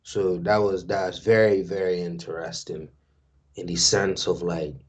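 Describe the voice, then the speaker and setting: A man's voice: deep voice, little pitch movement, unhurried. A Bermudian man guesting on a talk show, chatting in a loose, street-casual way. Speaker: guest, DJ and culture worker. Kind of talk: casual podcast chat. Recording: dull lo-fi sound.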